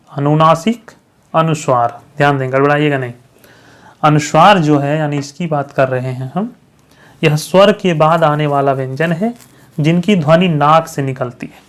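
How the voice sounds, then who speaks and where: Male grammar tutor, somewhat higher-pitched, quizzing his viewers and checking in with them often. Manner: repeats questions to the viewers and answers them himself; checks understanding with frequent "thik hai". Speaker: teacher. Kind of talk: grammar lesson for exam candidates.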